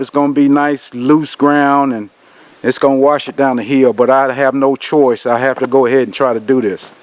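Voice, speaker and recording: Out in a rural field, a man from Georgia rambles to his camera on a tripod in a casual, folksy vlog, leaning on lots of fillers. Nasal from a cold, he has a medium-pitched voice; the recording is rough, with no room sound.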